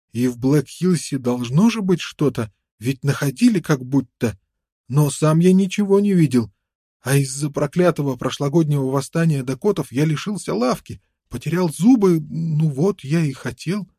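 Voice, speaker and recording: A man's voice: a little high, moderate pace, mellow, breathy edge, no echo, studio quality, voice pushed up. A man voicing a worn-out, toothless fur trader who stammers and pleads ingratiatingly in an audiobook. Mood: pleading.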